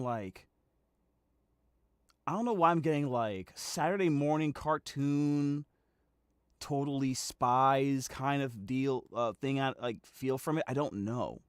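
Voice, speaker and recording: A man's voice: fairly high pitch, a bit bright, clean tone, no room sound, clean studio sound. A man streamer and voice actor reacting casually and incredulously to a video, rambling through his thoughts. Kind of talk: livestream reaction commentary.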